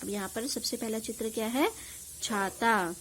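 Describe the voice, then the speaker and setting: A young woman teaching kindergarten children, sounding out each letter and vowel sign slowly, then repeating the whole word, with questions and praise. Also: a little high, a bit bright, slight background noise. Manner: asks questions and praises answers. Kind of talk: slow, spelled-out lesson for young children.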